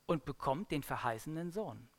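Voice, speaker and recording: Woman, sermon-style Bible talk, lively animated pitch, dramatic storytelling, loud-to-hushed swings. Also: normal speed. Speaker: preacher.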